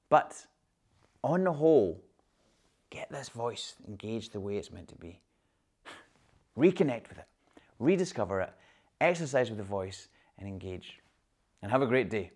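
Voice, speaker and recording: A man's voice: mid-range voice, darkish tone. A man from Glasgow with a Glaswegian Scottish accent, coaching viewers on their voice in an online lesson and saying example words aloud to show them. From Glasgow, Scotland. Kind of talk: online instructional video.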